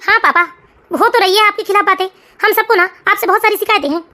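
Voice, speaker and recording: A woman's voice: very high voice, fast, pushed and bright. A woman voicing a grown son, a caring young engineer in a cartoon family story, reassuring and lecturing. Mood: reproachful.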